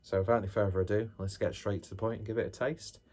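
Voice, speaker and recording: Male reviewer, fairly low voice, informal and musing, talking viewers through a tasting with self-deprecating asides. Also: level tone, fast, darkish tone. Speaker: beer reviewer, host.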